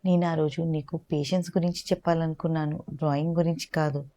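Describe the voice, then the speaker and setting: A woman voicing a tender mother who speaks softly and gently to her son in a storybook tale. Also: low voice, little pitch movement, fast talker, natural voice. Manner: soft, gentle.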